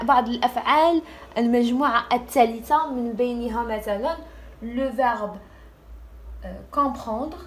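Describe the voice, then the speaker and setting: Young woman, teacher, slightly high voice, deliberate spelling-out, faint ambience behind. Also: slight background noise. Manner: slow, deliberate spelling-out of French words between Arabic explanation. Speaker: French teacher. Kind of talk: grammar lesson.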